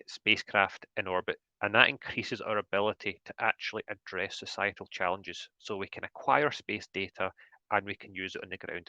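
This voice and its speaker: A man's voice: lowish voice, bright, forceful tone, no echo. A man with a broad Scottish accent presenting an academic webinar as a guest lecturer, slightly hesitant and repeating words. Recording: dull, lo-fi online call audio.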